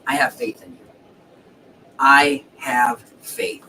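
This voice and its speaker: A man's voice: mid-range voice, flat delivery, takes it slowly, bright, forceful tone, recorded from a distance, low-quality recording. A man hosting a casual livestream in a rambling, self-correcting way, with the hiccups. He sits a bit back from the mic. Faint noise hums underneath. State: has the hiccups. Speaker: livestream host.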